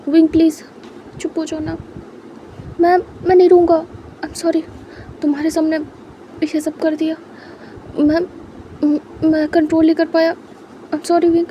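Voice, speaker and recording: A woman voicing a soft-spoken young man who apologizes and consoles, sometimes stammering, in a story reading. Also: high-pitched, level tone, a little slow, long pauses, a little hiss or hum. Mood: apologetic.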